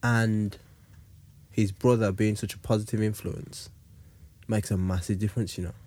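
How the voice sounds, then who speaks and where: A man's voice: fairly low pitch, fairly even intonation, moderate pace, darkish tone. A young man with an urban London roadman accent in casual podcast discussion, speaking emphatically and repeating phrases to make his point. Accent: London, urban roadman slang.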